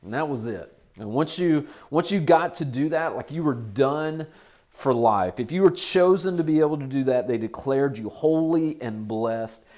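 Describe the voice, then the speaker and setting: Forties male pastor, middle-pitched voice, relaxed and conversational from the pulpit. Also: normal speed. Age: 40s. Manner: conversational, repeats phrases for emphasis. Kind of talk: sermon. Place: church.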